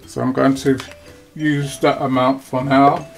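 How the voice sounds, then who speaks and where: A man's voice: medium pitch, little pitch movement, unhurried, creaky, faint music behind. A man hosting a home cooking video, talking through each step in an easygoing way while he works in his kitchen. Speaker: cooking channel host. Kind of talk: casual cooking demonstration.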